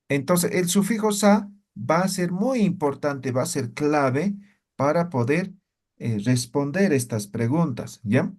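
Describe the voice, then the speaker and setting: A man's voice: mid-range voice, darkish tone. A man teaching a language lesson in Spanish, patient and explanatory, often checking in with tag questions.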